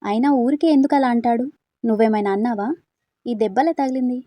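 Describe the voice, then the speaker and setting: A woman's voice: on the high side, a little fast, warm tone, no echo, natural voice. A woman reading nosy, teasing hostel girlfriends. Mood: curious, teasing. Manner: prying, teasing questions. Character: chatty young women hostel friends, teasing and curious.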